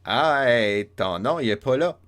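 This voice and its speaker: A man voicing a gruff, chubby Irish innkeeper who barks brusque, impatient questions. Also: mid-range voice, expressive, unhurried, fairly bright tone.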